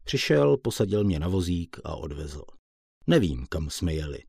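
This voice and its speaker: Low, husky male audiobook narrator. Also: big pitch swings, darkish tone, no echo, studio quality. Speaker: audiobook reader. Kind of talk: first-person audiobook narration.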